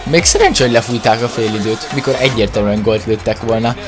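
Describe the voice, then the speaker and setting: A Hungarian man giving excited football gameplay commentary, exclaiming and stretching his words as he follows the play. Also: fairly low pitch. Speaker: gaming video creator commentating own match. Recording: music behind the voice. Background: music.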